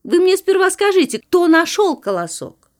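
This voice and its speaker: A woman voicing a hardworking, patient little male rooster in a storybook reading, calling out brightly. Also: very high-pitched, big pitch swings, moderate pace, voice pushed up. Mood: questioning. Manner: calling out brightly, stern when questioning.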